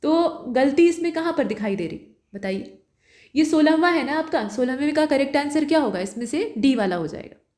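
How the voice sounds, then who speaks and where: A woman tutor patiently explaining exam questions one by one, often pausing to ask rhetorical questions. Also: high voice, animated, a little mellow, roomy sound.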